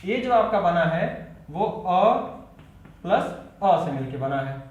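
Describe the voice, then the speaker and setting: A man teaching Hindi grammar in a classroom lecture, asking the class questions and answering them himself, repeating key terms slowly. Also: sits high, animated, echoey room, dull audio.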